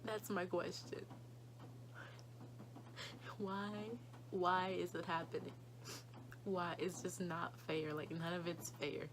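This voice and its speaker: A young woman talking in a halting, quiet way, tearful and grieving, often repeating herself. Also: lowish voice, flat delivery, background noise. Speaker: vlogger. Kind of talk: emotional personal vlog.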